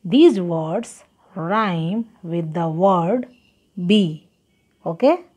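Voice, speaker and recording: Slow-spoken woman teacher. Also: lowish voice, expressive, warm tone. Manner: slow, spelling words letter by letter. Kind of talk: children's English lesson.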